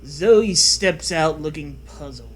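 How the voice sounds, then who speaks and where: A man's voice: fairly high pitch, animated, slow pace, noisy background. A man reading a silly story aloud with sarcastic, wry asides. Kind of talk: comedic story reading with banter.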